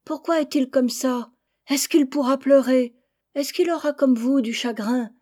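A woman's voice: a little slow, warm tone. A woman voicing a brood of noisy, curious baby birds who keep asking questions in a storybook reading. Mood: wondering. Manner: shrill, insistent questioning.

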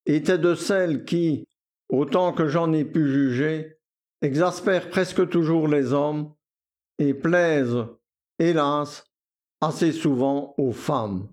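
Male audiobook narrator, fairly high voice, slow, measured delivery. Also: darkish tone. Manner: measured, deliberate reading.

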